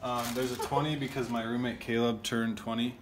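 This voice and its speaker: A young man walks the phone camera through his house, talking in a halting, um-filled way with a dry deadpan streak. The rooms around him sound hard and echoey, and household noise hums clearly behind his voice. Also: medium pitch. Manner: hesitant, many ums, deadpan dry humor. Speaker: vlogger giving a house tour. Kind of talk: casual house tour narration. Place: indoor shared house, tiled rooms. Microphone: handheld phone camera.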